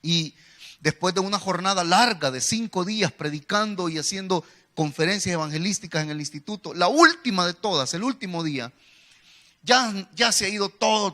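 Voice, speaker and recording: A Salvadoran male preacher delivers a sermon in church, weaving personal testimony into his message. His voice sits high and rings bright. He talks straight to the congregation, often calling them "brother". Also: fairly quick. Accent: Salvadoran Spanish. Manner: storytelling, addresses listeners as "hermano".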